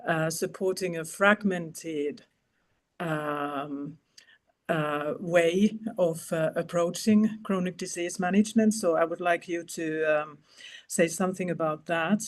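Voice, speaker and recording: A woman on an expert panel asking a startup founder a question over a video call, careful and full of pauses. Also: lowish voice. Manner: careful, many pauses and fillers.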